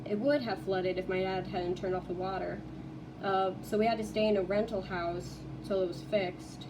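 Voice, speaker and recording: A young woman records a casual vlog in her college dorm room. She rambles and restarts her sentences, filling gaps with ums. She sits some way from the mic, with steady noise around her. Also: mid-range voice, normal speed, distant mic. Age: young adult. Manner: rambling, many fillers and restarts. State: tearful, voice breaking. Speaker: vlogger.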